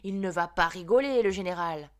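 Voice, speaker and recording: A woman reading aloud and voicing an excitable, cheeky schoolboy who pleads eagerly. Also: on the low side, fairly quick, natural voice. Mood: excited.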